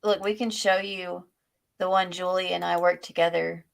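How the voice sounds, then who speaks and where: A woman hosting a casual livestream, animated and giggly, with "like" in almost every sentence. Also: on the low side, normal speed, creaky. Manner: giggly, animated, says "like" often. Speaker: host.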